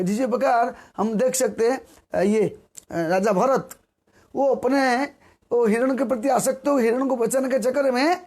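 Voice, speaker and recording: A man giving a devotional sermon, repeating phrases and asking rhetorical questions, sometimes singing verses slowly. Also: extremely high pitch, darkish tone. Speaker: preacher.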